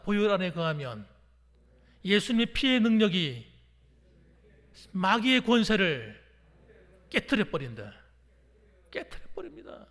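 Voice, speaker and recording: A man's voice: sits high, a bit bright. A man preaching a sermon as a pastor, fervent, calling on the congregation to repeat phrases after him. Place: church sanctuary. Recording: long hall reverb.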